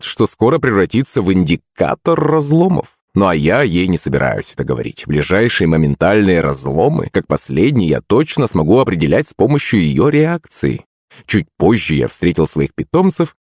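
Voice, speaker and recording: Lively, low-voiced man narrating. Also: husky, no echo, clean studio sound. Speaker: audiobook narrator. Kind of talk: first-person scripted narration.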